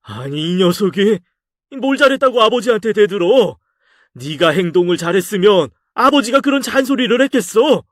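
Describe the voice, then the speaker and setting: A man's voice: fairly high pitch, a little slow, dry recording, studio quality, voice pushed up, close to an everyday voice. A man reading a story aloud and voicing a stern, exasperated middle-aged father who scolds his son in a raised voice. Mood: scolding. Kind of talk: audio drama story reading.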